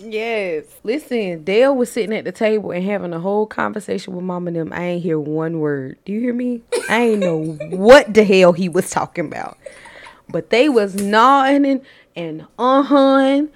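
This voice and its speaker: A woman with a Southern accent, co-hosting a casual podcast chat and telling stories with lively, acted-out voices. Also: medium pitch, normal speed. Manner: animated storyteller, acts out voices. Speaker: podcast co-host.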